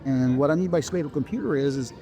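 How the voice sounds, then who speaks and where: A man's voice: medium pitch, fast talker, dark tone. A man casually demonstrating a product to someone face to face, with informal, instructive sales patter. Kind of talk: casual product demo to a passer-by.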